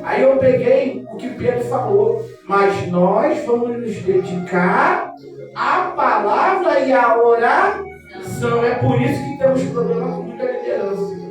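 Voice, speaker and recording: A woman's voice: fairly high pitch, animated, a little slow, distant mic. A woman from Rio de Janeiro with a Carioca accent leads a church service, preaching and praying fervently, chanting some phrases and asking the congregation for amens. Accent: Carioca Brazilian Portuguese. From Rio de Janeiro, Brazil. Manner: fervent, often chanting phrases, prompting "amen?" replies. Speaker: church leader closing a service. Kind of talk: sermon and closing prayer. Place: small church hall. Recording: echoey church sound heard from afar with music. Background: instrumental music.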